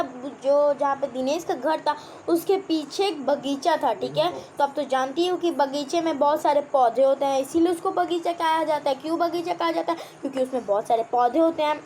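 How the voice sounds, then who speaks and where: High-voiced woman teaching a chapter. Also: normal speed, few pauses, darkish tone, slight background noise. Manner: repeats and explains words, asks the class questions. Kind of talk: explaining a children's textbook chapter.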